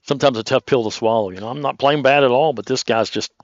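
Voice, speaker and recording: A man's voice: medium pitch, fast talker, no echo. Male golf commentator, chatty, dull dry recording. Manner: chatty, anecdotal, rambling. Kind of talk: relaxed, conversational golf commentary.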